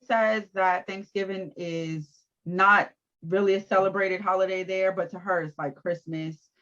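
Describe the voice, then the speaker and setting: A woman co-hosting a casual recap chat, animated and laughing often as she acts out quotes. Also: medium pitch, a little slow, lo-fi sound. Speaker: podcast co-host.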